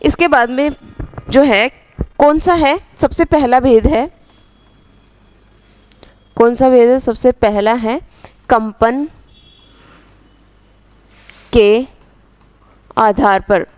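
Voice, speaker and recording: High-voiced woman teaching slowly. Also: darkish tone, no echo. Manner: asks the class questions and answers them herself; slow, repeated dictation phrases. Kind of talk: grammar lesson with dictation.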